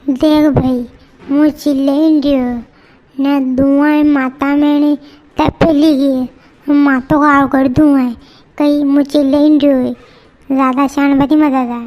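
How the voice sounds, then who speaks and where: A woman voicing a rustic, quick-tempered village tea-stall man with a Malwi accent, bantering bluntly in a cartoon. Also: high voice, level tone, lo-fi sound. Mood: gruff.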